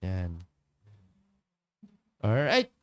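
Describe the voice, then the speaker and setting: A man hosting a morning church devotion livestream in a studio, chatty, laughing often and filling pauses. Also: on the low side, huge pitch swings, no room sound. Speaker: devotion leader and livestream host. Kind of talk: casual livestream greetings and devotional talk.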